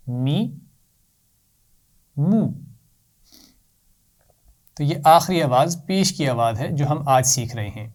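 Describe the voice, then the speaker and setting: A man teaching a children's Quran reading lesson, patient and clear, saying each sound slowly for the class to repeat. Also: medium pitch, a little mellow.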